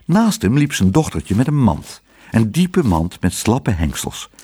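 A man reads a children's story aloud with a husky, breathy voice. His delivery is animated, rising and falling widely as he tells the tale. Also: fairly low pitch, measured pace. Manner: expressive, animated reading.

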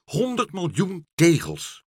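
An excitable little female bird, put on by a man talks in a raised, bright-pitched voice. She is eager and keyed up, with a slightly husky, dry sound. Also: normal speed, no room sound. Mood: excited. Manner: excited, breathless telling.

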